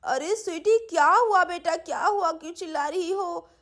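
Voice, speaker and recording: A woman's voice: very high-pitched, moderate pace, fairly bright tone. A woman voicing a sleepy mother in a doll-play story, drowsy and mildly scolding.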